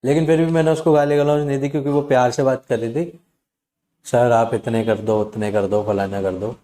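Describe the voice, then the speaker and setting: Guy hosting a channel, warm low-key tone, acts out callers in quick quotes. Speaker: channel host advising viewers on loan recovery calls. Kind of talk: casual talk to camera.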